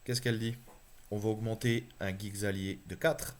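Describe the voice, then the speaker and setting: A man's voice: lowish voice, steady tone, moderate pace. A man talking casually and enthusiastically through a card game analysis, thinking aloud with plenty of hesitations.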